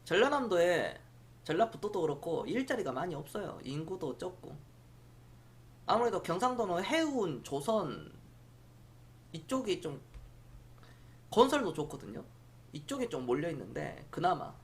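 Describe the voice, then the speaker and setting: A man's voice: high-pitched, big pitch swings, normal speed, long pauses. A middle-aged man from Jeolla province, chatting casually on a stock-market live stream, rambling and answering viewers' comments aloud. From Jeolla province, South Korea.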